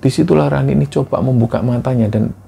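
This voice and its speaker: A man telling a horror story in casual spoken style, with a relaxed, conversational delivery full of fillers. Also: medium pitch, fast, gravelly, slight background noise.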